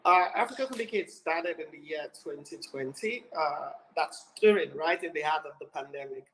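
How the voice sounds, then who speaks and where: Man, Nigerian accent, slightly high pitch, explanatory panel talk, guest speaker. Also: lively intonation, normal speed, noisy background. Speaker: panel guest, co-founder of a creative community.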